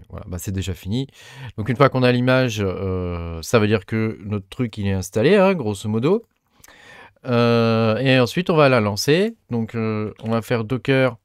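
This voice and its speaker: Fairly low-voiced man for a tech walkthrough: halting, filler-heavy, chatty, dry close sound. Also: dry recording. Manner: hesitant, many fillers and restarts; chatty, self-mocking asides. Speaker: tech tutorial host. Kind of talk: casual screen-recorded tutorial.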